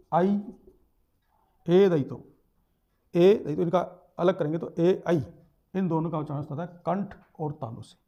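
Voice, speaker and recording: Slow-explaining male teacher, mellow voice. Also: a little high, highs cut off. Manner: explains slowly, repeating terms and sounding out letters. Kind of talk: classroom lesson explanation.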